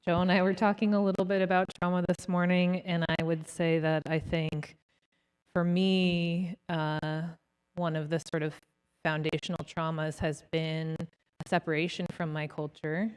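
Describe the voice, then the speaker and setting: A woman from California speaking on a conference panel, reflective and halting with frequent fillers. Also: lowish voice, little pitch movement, a little mellow, smooth, low-quality recording. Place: large conference hall stage.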